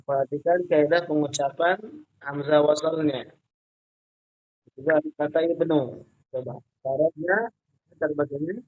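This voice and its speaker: A man's voice: on the high side, fairly even intonation, a little slow, long pauses, narrow, tinny audio. A man teaching an online Arabic grammar class, patiently explaining step by step and calling on students by name. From Indonesia.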